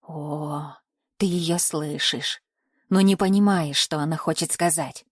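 A woman reading an audiobook and voicing an old, half-mad grandmother who sees spirits, speaking lower and slower in a hushed tone. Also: breathy edge, dry recording, clean studio sound, heavily acted. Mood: eerie, cryptic. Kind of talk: audiobook character voice.

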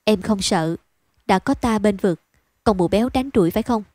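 A woman reading a story aloud, voicing a gentle young male writer who reassures a frightened girl. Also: medium pitch, moderate pace, no echo, close to an everyday voice. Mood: reassuring.

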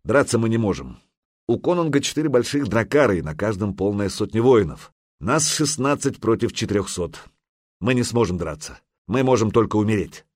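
A man voicing a resolute viking chieftain who speaks calmly, firmly and with command. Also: on the low side, fairly quick, dry recording, studio quality. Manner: calm, firm, commanding. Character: stern, resolute male viking jarl.

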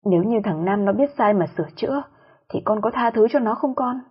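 A woman voicing an elderly mother-in-law who turns from gentle pleading to scolding, with a breathy voice. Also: medium pitch, animated, fairly quick, muffled recording. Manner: scolding, raised voice. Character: stern elderly mother-in-law, tender then furious.

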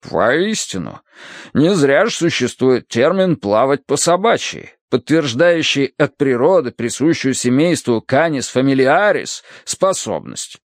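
A man's voice: medium pitch, expressive, dry recording, studio quality. A man doing a pompous, pedantic old professor. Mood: ponderous. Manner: slow, solemn, pedantic.

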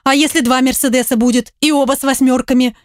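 A woman doing a loud brash friend shouting down the phone. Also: high voice, steady tone, fast, dry recording, studio quality, natural voice. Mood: shouting, irritated. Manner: shouting, rude and impatient.

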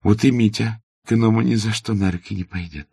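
A man voicing a shy young peasant mother who speaks softly and modestly in an audiobook. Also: lowish voice, a little fast, creaky, slightly rough, no echo, clean studio sound, pitched above the performer's own voice.

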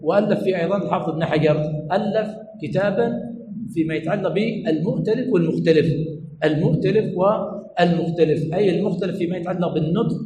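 A man's voice: sits high, dark tone, reverberant, a little hiss or hum, low-quality recording. A sheikh teaching a class lesson, repeating each point and asking his students what comes next, then answering himself. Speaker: sheikh teaching hadith terminology. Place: lecture room at a religious study center.

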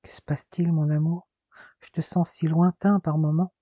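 A man voicing a curious, loving young woman, earnest and questioning, with a husky voice. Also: a little high, flat delivery, moderate pace, warm tone, no echo, natural voice. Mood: tender.

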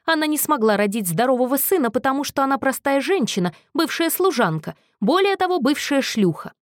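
A woman's voice: high voice, big pitch swings, fairly quick, no room sound, studio quality, voice pushed up. A woman voicing a volatile, bitter young man on the edge of breaking down, snarling and accusing in a raised voice. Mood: furious, accusing.

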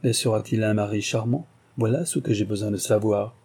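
A man reading an audiobook, voicing a brisk, impatient society hostess in a raised, emphatic voice. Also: lowish voice, steady tone, mellow, husky.

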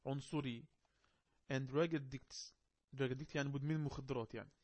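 A man with an Egyptian Arabic accent, teaching an online English lesson. He reads the English text slowly and explains it quickly in Arabic. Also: mid-range voice, steady tone, darkish tone.

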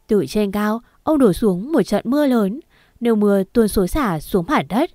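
A woman's voice: mid-range voice, no echo. Woman narrating a story, dry close sound. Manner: steady, earnest first-person telling.

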